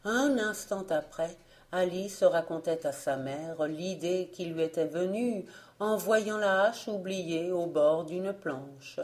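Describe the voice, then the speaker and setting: A woman reading a folk tale aloud as an audiobook narrator, gentle and even. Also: on the low side, takes it slowly. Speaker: audiobook reader.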